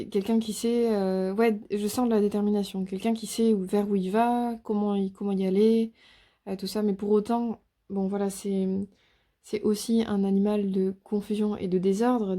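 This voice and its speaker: A woman talking through a tarot reading in a soft, hesitant way, often pausing on fillers and restarting her sentences. Her voice is deep-toned and mellow, with a narrow, even melody that rarely rises or falls. Now and then she drops to a near-whisper. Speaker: tarot reader. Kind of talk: casual spoken tarot reading to viewers.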